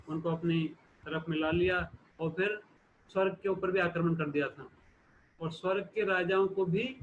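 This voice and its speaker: A man giving a sermon, retelling a scripture story in a steady explanatory way with frequent restarts. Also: on the high side. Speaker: preacher. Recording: phone-like lo-fi recording with faint hiss.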